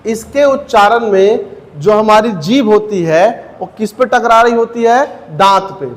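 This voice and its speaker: A man teaching a Hindi grammar class for exam preparation. He asks the class questions, answers them himself, repeats key terms and says each sound slowly. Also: high voice, big-room sound.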